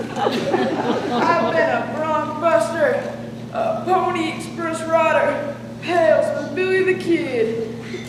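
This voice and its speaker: A young female student playing a garrulous, boastful old Wild West cowboy in the folksy manner of an old prospector, in a school stage play. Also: high voice. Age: young teenager. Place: school stage, recorded from afar. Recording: echoey noisy hall, distant microphone.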